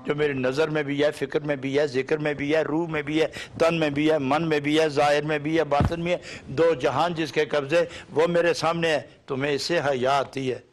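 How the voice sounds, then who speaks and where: Rhythmic preaching man, fairly high voice. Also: little pitch movement, hardly any pauses. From Pakistan. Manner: rhythmic, repetitive lists of short phrases; emphatic rising questions. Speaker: Sufi preacher. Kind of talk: sermon lesson on poetry.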